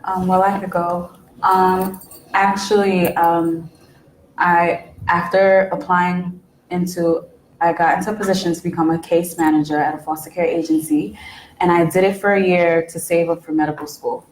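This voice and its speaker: Woman, student panelist, hesitant, lots of ums, lowish voice, echoey room. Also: slight background noise. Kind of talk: answering panel questions.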